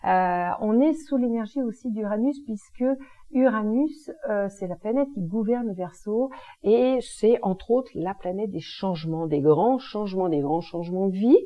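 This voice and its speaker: A woman's voice: medium pitch, moderate pace, dull audio. A woman explaining astrology in a casual, chatty monologue, using informal slangy expressions. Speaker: energy healing and astrology presenter.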